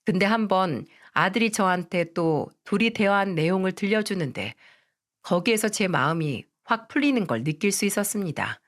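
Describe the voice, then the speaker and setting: A woman narrating a first-person radio story in a calm, measured way. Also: mid-range voice.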